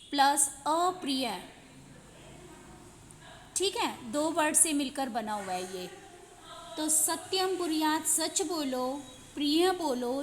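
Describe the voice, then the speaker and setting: A woman's voice: high voice, long reverb tail, a little hiss or hum. A woman teacher explaining verses line by line, patiently repeating each meaning and addressing the children.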